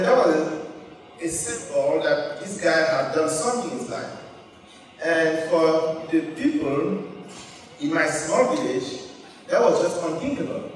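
A middle-aged man from Cameroon giving a storytelling keynote speech to students on an auditorium stage, holding a handheld mic. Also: a little high. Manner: storytelling, animated gestures. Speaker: keynote speaker. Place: large wood-panelled auditorium stage. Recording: echoey hall, picked up from far.

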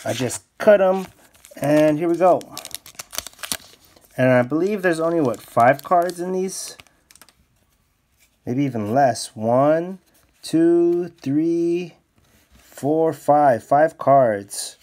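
Male YouTuber, unhurried casual unboxing chat, yelps when thrilled. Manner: excitable, bursts into high exclamations. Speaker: card-opening YouTuber. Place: indoors at a desk, off camera.

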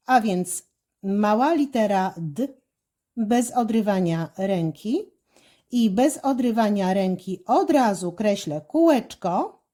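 Woman teacher, slightly high, lively voice with a mellow tone, slow and careful step-by-step handwriting instruction.

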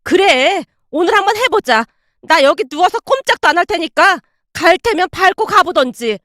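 A woman voicing a bullying older mother-in-law who scorns and shouts. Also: very high-pitched, very animated, moderate pace, no room sound, clean studio sound, pitched above the performer's own voice, heavily acted. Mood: shouting.

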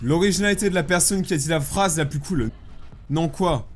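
A young man commentating his own game playthrough in a joking, self-mocking way, with sudden loud outbursts. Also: a little high, brisk, very noisy. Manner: animated, self-mocking, bursts of shouting. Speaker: gaming YouTuber. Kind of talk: joking let's play commentary. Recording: faint background music.

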